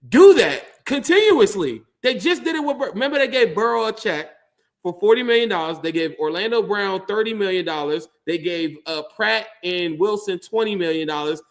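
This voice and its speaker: A man hosts a casual sports talk show, with a noticeably high voice. He talks in an animated, rambling way, piling clauses on top of each other and repeating words as he goes. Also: fairly quick. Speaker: sports podcast host.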